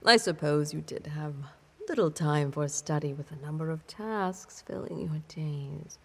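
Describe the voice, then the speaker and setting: In this intimate audio roleplay, the woman voices an ancient, imperious vampire mistress with a heavily acted, predatory and seductively menacing air. Her low voice has a fairly bright tone, breathy and half-whispered with stretched-out words, and she sounds commanding and ominous.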